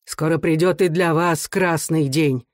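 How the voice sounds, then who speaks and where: A man's voice: a little high, fairly even intonation, unhurried, no echo, clean studio sound, natural voice. A man reading aloud voices a defiant bearded peasant who speaks firmly in a raised, accusing voice. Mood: stern.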